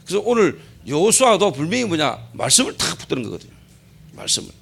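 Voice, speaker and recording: A middle-aged pastor preaches in a high, gravelly voice that swings widely up and down. He keeps asking rhetorical questions and answering them himself. He hammers his points home by repeating them. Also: sing-song, fast talker, fairly bright tone. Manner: emphatic, repeats key phrases. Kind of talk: sermon. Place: church service.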